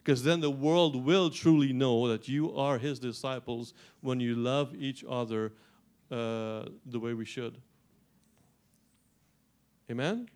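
A middle-aged man from Guyana preaching a sermon as pastor, animated, with frequent restarts and rising emphasis. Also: medium pitch, slow.

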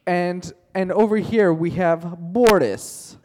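Speaking slowly and a bit high for a man, a male teacher spins a playful, made-up story for his class, cracking jokes and calling on students by name. His darkish-toned voice rings with a long echo in the classroom.

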